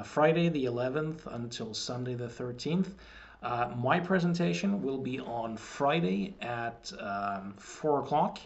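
A hypnotist in his forties sits at his desk in a small wood-panelled room, recording a measured promotional video message in which he explains his ideas and often repeats words as he restarts. His voice is mid-range, picked up by a desk webcam that gives dull, lo-fi audio.

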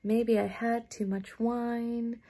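Tired woman vlogger, husky and gravelly, slow casual ramble. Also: a little high. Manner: relaxed, unhurried, rambling. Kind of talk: casual chat to camera. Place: apartment at night.

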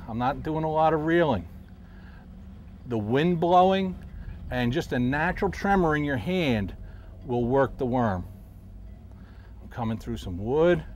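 A middle-aged man, a professional angler, calmly explaining his technique while fishing from a boat on a river, recorded outdoors on a lapel mic. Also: fairly high pitch. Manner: calm, explanatory, talks while casting. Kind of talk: instructional fishing commentary. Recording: faint outdoor noise.

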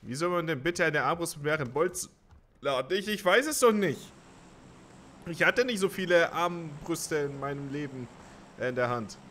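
Male game streamer, bright sharp timbre, self-mocking, swings from hushed muttering to frantic yelling. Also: fairly high pitch, animated, moderate pace, slight background noise. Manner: mutters quietly, then erupts into panicked shouting and swearing. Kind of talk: live gameplay commentary.

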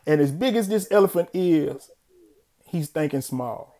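Laid-back man with a soft-spoken manner. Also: a little high, expressive, a little slow. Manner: affirming with frequent murmurs and slang. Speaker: host. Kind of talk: casual chat.

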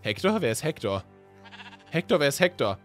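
A man's voice: fairly high pitch, sing-song, moderate pace, soft background music. A man playing himself in a Minecraft story, talking in a casual, slangy way and sounding confused and hesitant. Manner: slangy and casual, often asking what is going on. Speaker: YouTuber playing his own character in a Minecraft story. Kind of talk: role-played Minecraft story with casual chat.

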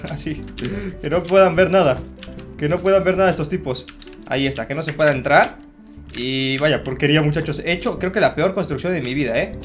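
A man giving casual commentary while building in a game, chatty and self-mocking, talking straight to his viewers. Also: fairly high pitch. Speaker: Minecraft gamer.

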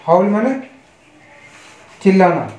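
Indian male tutor, high voice, spells words out deliberately, roomy lo-fi sound. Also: very animated, a little mellow. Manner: spells words letter by letter, then gives Hindi meanings; slow, deliberate, repetitive teaching. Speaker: English teacher. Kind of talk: online English pronunciation lesson. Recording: echoey, dull lo-fi room.

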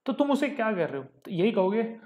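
A man teaching English vocabulary with memory tricks, explaining step by step and slowly repeating key words. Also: sits high, very animated, darkish tone, roomy sound, muffled recording.

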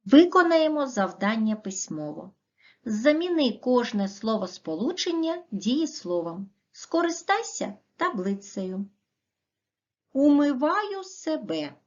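Woman primary teacher, measured and precise, rising and falling voice, muffled lo-fi recording. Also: fairly high pitch. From Ukraine. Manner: clear, slow and deliberate, stressing word endings. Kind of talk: recorded video lesson for children. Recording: dull, muffled lo-fi audio.

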